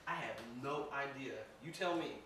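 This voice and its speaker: Speaking at an ordinary pace and medium pitch, a man who makes films and hunts ghosts chats with a live crowd, often laughing and saying things twice. He's captured from far away in an echoing room with noise behind him.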